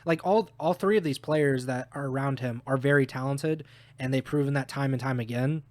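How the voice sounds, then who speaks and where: A man's voice: medium pitch, normal speed, dry recording. A man co-hosting a podcast, giving blunt opinions on esports while losing his voice. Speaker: podcast co-host. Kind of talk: casual esports analysis chat.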